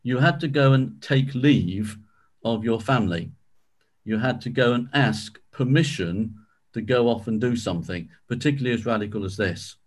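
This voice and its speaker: A man's voice: medium pitch, moderate pace. A man leading a Bible study, explaining in a conversational way with frequent ums and restarts. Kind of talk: informal teaching talk.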